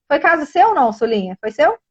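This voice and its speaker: A woman's voice: sits high, very animated, fast talker. Earnest Brazilian woman on muffled stream. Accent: Brazilian Portuguese. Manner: earnest, emphatic, addresses viewers directly. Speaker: child education coach, live guest. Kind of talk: casual live-stream talk.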